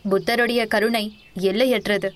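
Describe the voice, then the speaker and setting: A woman voicing a tall, stern Buddhist monk in a storybook reading, speaking in a grave, measured way. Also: fairly high pitch, steady tone, lightly acted. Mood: prophetic.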